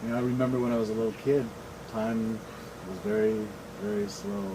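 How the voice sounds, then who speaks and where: A man's voice: on the low side, a little fast. A middle-aged man bantering casually as a show host, blunt, opinionated and freely swearing. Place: shed. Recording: clear steady air-conditioner noise.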